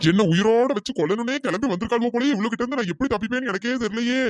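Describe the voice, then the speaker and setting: Brief: a performer as a moaning captive man, fast muttering, dry. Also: very high-pitched, dry recording. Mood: pained. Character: tied-up bearded man, grumbling and frightened. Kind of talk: cartoon voice acting.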